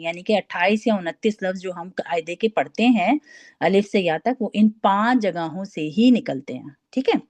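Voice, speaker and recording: A woman teaching recitation over a video call, speaking patiently, demonstrating sounds slowly and checking that students follow. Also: medium pitch, darkish tone, no room sound. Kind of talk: online class lesson.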